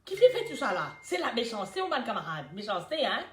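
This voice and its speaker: An older woman from Mauritius with a Mauritian accent, chatting casually to her viewers in a somewhat high voice. She tells her stories in an animated way, swinging between loud and soft. The room around her gives a noticeable echo. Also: fast, slight background noise. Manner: lively storytelling, often breaks into laughter, swings between loud and soft. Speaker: live chat host. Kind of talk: casual Creole live chat. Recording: roomy echo.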